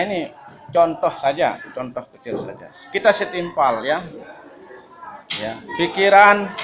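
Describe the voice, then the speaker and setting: A man delivers an Islamic study sermon. He is lively, mixes humor in and mimics the people he talks about. The recording sounds dull and lo-fi. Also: high voice, noisy background. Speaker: preacher.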